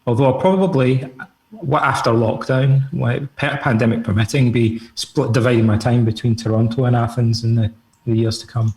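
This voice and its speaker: A middle-aged Scottish author and psychotherapist answers interview questions over a video call in a relaxed, rambling way, full of fillers. His mid-range voice has a darkish tone and normal speed. The recording quality is low.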